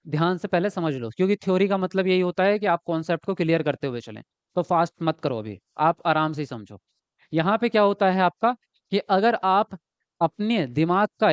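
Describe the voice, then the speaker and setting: A man's voice: sits high, clean tone, no room sound, highs cut off. A man teaching an online exam-prep class, explaining step by step, asking questions and answering them himself, and reading out viewer comments. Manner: reads viewer comments aloud and talks to them. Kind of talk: live online class lecture.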